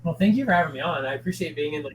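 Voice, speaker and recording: A man's voice: a little high, very fast, a crowd in the background, rough recording. A man chatting as a podcast guest, rambling and swearing freely, with lots of fillers and restarts. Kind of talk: casual chat.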